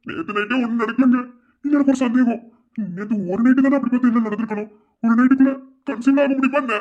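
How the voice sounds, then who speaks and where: A woman's voice: fairly high pitch, steady tone, fast, highs cut off, close to an everyday voice. A woman voicing a defensive, flustered young man in a cartoon, with a Madurai Tamil accent. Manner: defensive, blustering, threatening. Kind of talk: cartoon voice acting.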